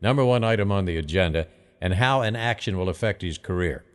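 A man hosting a radio phone-in, talking in a halting, reflective and sympathetic way. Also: deep voice, clear, resonant tone. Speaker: radio talk show host. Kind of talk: live phone-in conversation.

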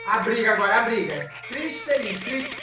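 A man with a Brazilian Portuguese accent hosting a casual reaction video, talking excitedly to his viewers with lots of exclamations. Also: extremely high pitch, normal speed, distant mic. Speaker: YouTube reaction host. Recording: echoey room, off-mic, loud background music.

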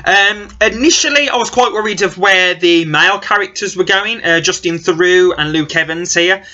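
A man's voice: high-pitched, normal speed, pushed and bright. A young man giving a casual film review from a small office, talking earnestly with frequent "I think" hedges into a webcam. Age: young adult. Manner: earnest, gesturing as he talks, many "I think" hedges. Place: small cluttered office indoors. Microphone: built-in webcam mic at desk distance. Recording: dull lo-fi webcam audio.

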